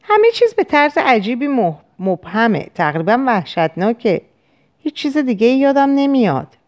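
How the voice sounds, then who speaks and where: A woman voicing an anxious middle-aged male banker patient who recalls events haltingly. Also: fairly high pitch, very animated, darkish tone, pitched above the performer's own voice. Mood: hesitant. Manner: hesitant, halting recollection.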